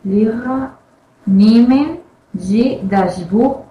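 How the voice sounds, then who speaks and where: A woman's voice: fairly high pitch, very slow, dark tone, echoey room, low-quality recording. A woman whose first language is Spanish, practising German words and repeating them hesitantly. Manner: hesitant, careful repetition. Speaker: language student. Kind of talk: pronunciation practice.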